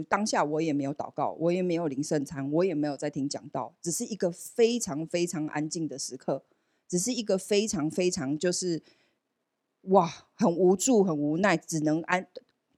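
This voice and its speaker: A woman shares a personal testimony before a congregation, telling her story with animated storytelling. She acts out the voices in her dialogue. Her voice sits on the lower side, recorded dry and close. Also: no echo. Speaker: church member sharing a testimony. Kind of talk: personal testimony at a church service.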